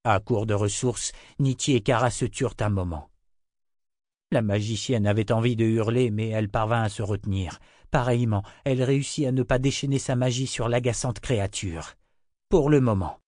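A man reading a fantasy novel aloud in a steady, expressive storytelling manner. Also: lowish voice, normal speed, dry recording, studio quality. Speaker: narrator. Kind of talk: audiobook fantasy narration.

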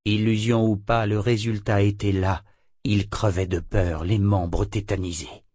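Low-voiced man narrating a dark fantasy. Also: little pitch movement, dry recording, clean studio sound. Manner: measured, dramatic storytelling. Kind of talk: audiobook narration.

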